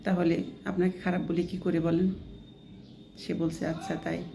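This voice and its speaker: A woman's voice: fairly low pitch, flat delivery, moderate pace, creaky, dark tone, a little hiss or hum. A woman vlogger telling a first-person story in a casual, chatty way, quoting others as she goes and often adding a checking question. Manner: plainly quotes others within the story.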